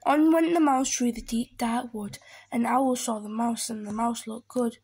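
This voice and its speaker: A woman reading a picture book aloud in a slow, expressive, playful way. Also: a little high, breathy edge. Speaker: storybook reader.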